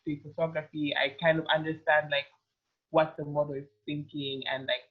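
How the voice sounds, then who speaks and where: Husky and low, with little pitch movement, a fashion model from Uganda in her twenties talks at a moderate pace. She rambles through a casual interview as the guest, piling on "like," and the recording sounds tinny, like a phone call.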